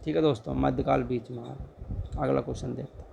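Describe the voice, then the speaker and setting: A man's voice: mid-range voice, fairly even intonation, quick pace, gravelly, darkish tone, slight background noise. A young man tutoring exam questions in a casual, chatty way, repeating each answer and urging viewers to like and subscribe. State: dry throat.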